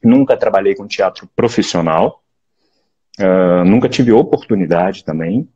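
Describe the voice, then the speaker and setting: Mellow low-voiced Brazilian man, muffled audio. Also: measured pace, husky. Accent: Carioca Portuguese. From Brazil (Rio de Janeiro). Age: late 40s. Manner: relaxed, reflective, frequent restarts and "né?". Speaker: actor, interview guest. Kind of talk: casual interview chat.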